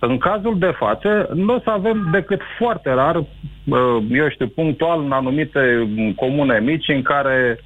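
Male radio caller, hesitant, halting, phone-line sound, dry. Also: fairly high pitch, lively intonation, dry recording. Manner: hesitant, many fillers and restarts. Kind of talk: call-in radio chat.

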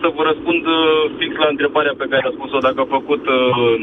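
A man's voice: medium pitch, steady tone. A man calling into a radio show from his car on hands-free, hesitant and full of fillers. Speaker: caller. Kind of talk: call-in political opinion. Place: driving in a car in city traffic. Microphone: hands-free phone. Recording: tinny phone line with car noise.

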